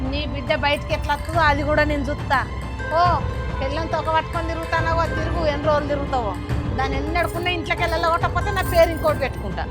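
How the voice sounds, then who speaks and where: An actress voices a scheming village mother-in-law with a Telangana accent. She talks very high and fast, all spite and taunts. Loud music plays behind her. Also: close to an everyday voice. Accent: Telangana Telugu. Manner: scolding, taunting. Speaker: actor. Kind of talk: village short film acting.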